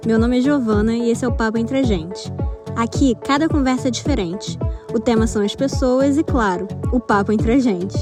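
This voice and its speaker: Woman's intro over music. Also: fairly high pitch. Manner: friendly, unhurried welcome. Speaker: podcast host. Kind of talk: scripted show intro.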